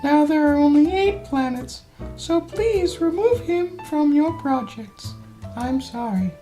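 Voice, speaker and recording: A young man putting on a high falsetto voice to play an apologetic schoolteacher breaking bad news to a class. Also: lively intonation, slow pace, warm tone, faint music behind, heavily acted, poor audio. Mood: regretful. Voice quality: strained falsetto.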